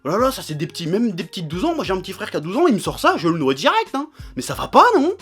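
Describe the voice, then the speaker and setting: A young man delivers an exasperated, foul-mouthed video rant in the manner of a raging gamer. His pitch leaps up and down with great animation as he complains. Music plays behind his voice. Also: big pitch swings, very fast, fairly bright tone, breathy edge. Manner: raging gamer-style ranter, irate, sweary, exasperated. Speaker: anime episode reviewer. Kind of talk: ranting video commentary.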